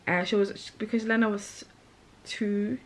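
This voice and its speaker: A woman's voice: mid-range voice, fairly even intonation, unhurried, low-quality recording. A woman, chatting candidly in her vlog as a mother, often laughing, with a catch of emotion. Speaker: vlogger and mother. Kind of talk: casual chat.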